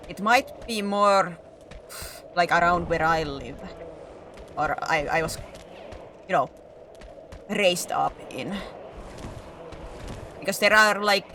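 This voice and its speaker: A woman with a Finnish accent who rolls her R's, chatting in an animated, rambling, self-deprecating way while commentating her gameplay. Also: fairly low pitch, slow, long pauses, a little hiss or hum. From Finland. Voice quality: rolled R's. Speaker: video game streamer. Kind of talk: casual gameplay commentary to viewers.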